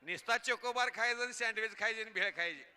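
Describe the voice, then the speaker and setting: A man from Maharashtra announcing a wrestling match live over a loudspeaker, calling moves, prize money and scolding the crowd in an excited, shouting manner. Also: high-pitched, fast talker, clean tone. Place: outdoor wrestling ground.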